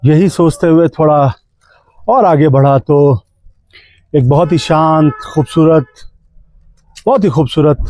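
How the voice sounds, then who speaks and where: A man's voice: on the high side, warm tone. A man in his forties narrating a reflective, poetic travel story on a clip-on mic. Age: 40s. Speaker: vlogger narrator. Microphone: clip-on wireless mic.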